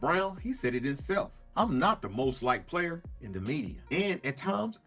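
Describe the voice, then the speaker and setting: A man's voice: on the high side, sing-song, normal speed, a bit bright. A man delivering scripted, opinionated sports commentary as an emphatic, dramatic exposé with a smug, sarcastic edge. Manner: emphatic, dramatic, rhetorical questions. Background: music.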